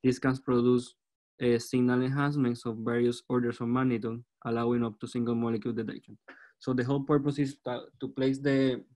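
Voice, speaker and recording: A man in his twenties with a Puerto Rican accent, giving an academic presentation as a student researcher in a halting way, repeating words. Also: mid-range voice, little pitch movement, dark tone. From Puerto Rico. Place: online video call.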